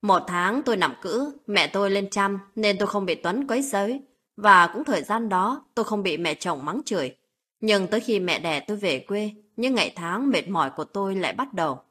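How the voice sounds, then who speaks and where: Woman reading a sad late-night story, soft breathy voice, plaintive. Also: mid-range voice, animated, moderate pace. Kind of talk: first-person story narration.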